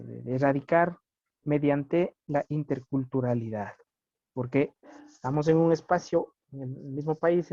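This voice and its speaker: A man's voice: on the high side, mellow, dry recording. A man giving a classroom lecture, often checking with his students by asking "right?". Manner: checks understanding with frequent tag questions. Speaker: teacher. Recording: muffled lo-fi recording.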